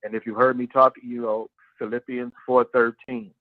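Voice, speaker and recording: A man's voice: medium pitch, little pitch movement, moderate pace, no echo. A man speaking earnestly and personally as a panelist on a radio show. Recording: muffled, dry radio feed.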